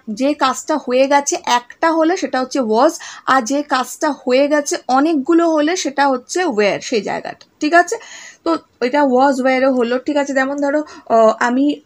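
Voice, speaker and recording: A woman, teaching a grammar lesson to young students, patiently explaining each answer and checking in with "okay?" as she goes. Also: sits high. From West Bengal, India. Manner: reads exercise sentences slowly and deliberately.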